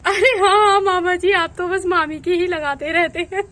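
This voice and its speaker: A woman's voice: extremely high pitch, steady tone, moderate pace, fairly bright tone. A woman voicing a polite, agreeable young village woman in a doll storybook.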